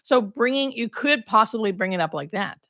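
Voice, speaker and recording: A woman's voice: fairly high pitch, lively intonation, brisk, bright, forceful tone, dry recording, clean studio sound. A woman talking candidly and conversationally as a hospice nurse hosting a casual livestream, thinking aloud as she answers questions.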